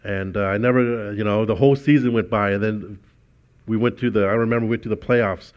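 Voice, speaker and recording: A man's voice: lowish voice, fairly even intonation, quick pace, muffled recording. A man preaching a sermon as pastor, telling personal stories in a conversational way with frequent restarts.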